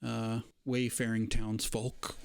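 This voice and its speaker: A man's voice: on the low side, little pitch movement, slow, vocal fry, clear, resonant tone, no room sound. A young man playing a tabletop game, chatty and thinking aloud about his moves. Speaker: player.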